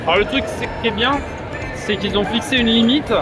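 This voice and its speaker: High-voiced man vlogging. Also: brisk, over loud music, over a noisy crowd. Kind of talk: casual on-site vlog talk to camera. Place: crowded convention by a long queue.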